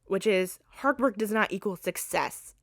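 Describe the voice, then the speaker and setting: A woman's voice: medium pitch, measured pace, no echo, studio quality. A young woman hosting a casual solo podcast, talking animatedly, swearing freely and laughing as she goes. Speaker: podcast host.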